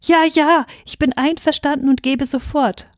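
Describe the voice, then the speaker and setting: A woman voicing a frightened old farmer who pleads in a high, panicked voice. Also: steady tone, moderate pace, dry recording, studio quality, lightly acted. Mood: panicked pleading.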